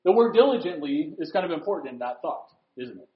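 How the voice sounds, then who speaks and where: A man with a high, light voice preaching a sermon to a room. He keeps it conversational, tossing out rhetorical questions and dropping from firm emphasis to quiet asides. The sound is roomy and somewhat dull, like a lo-fi recording. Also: very animated, fast talker. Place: room with a board.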